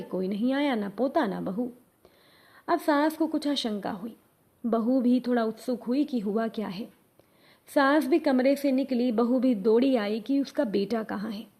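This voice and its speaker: A woman narrating a devotional moral story, gently addressing her listeners as the congregation. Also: on the high side.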